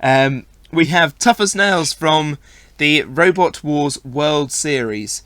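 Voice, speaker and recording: A man's voice: fairly high pitch, slow pace, fairly bright tone, no echo. A man hosting a casual podcast, his voice still recovering after he lost it, teasing his co-host.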